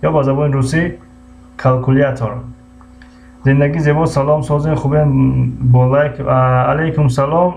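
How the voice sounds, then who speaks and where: A man with a Tajik accent teaching English on a live stream, repeating each word slowly and greeting viewers by name. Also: fairly high pitch, little pitch movement, gravelly, mellow. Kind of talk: live-streamed language lesson. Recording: muffled lo-fi stream audio with faint hum.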